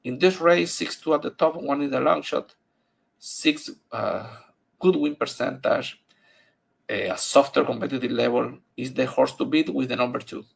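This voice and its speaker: Very gravelly Spanish-accented man giving racing picks. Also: mid-range voice, steady tone, moderate pace. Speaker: horse racing handicapper. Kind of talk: unscripted race-by-race picks commentary.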